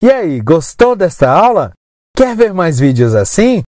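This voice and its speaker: A teacher speaking slowly with a lively, rising and falling pitch. The recording is dry and close, with no room sound. Each word is stretched out and spoken clearly for the listener to repeat. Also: no room sound. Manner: slow, clear, drawn-out word modelling. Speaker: English teacher. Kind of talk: scripted lesson narration.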